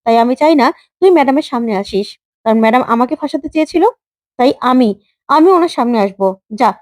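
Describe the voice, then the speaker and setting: A woman's voice: high-pitched, fast, a little mellow, dry recording, clean studio sound, close to an everyday voice. A woman voicing a bold young working woman in a retold story, in a firm, lecturing manner. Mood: defiant.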